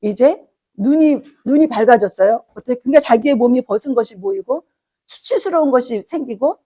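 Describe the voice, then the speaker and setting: A woman's voice: a little high, brisk, husky. A middle-aged woman pastor preaching a sermon in a church, telling the story with acted-out dialogue. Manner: animated storytelling, acting out quoted dialogue. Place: church sanctuary.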